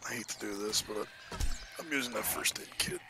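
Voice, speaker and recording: A man's voice: on the low side, fairly quick, over loud music. A man chatting casually and swearing while playing a co-op zombie game with friends. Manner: swears a lot, jokey. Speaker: game streamer.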